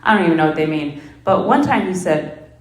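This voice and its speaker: A woman's voice: on the low side, animated, brisk. A young woman doing a stand-up set, rambling and self-deprecating, often laughing at her own jokes. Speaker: stand-up comedian. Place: comedy club stage. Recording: very echoey room.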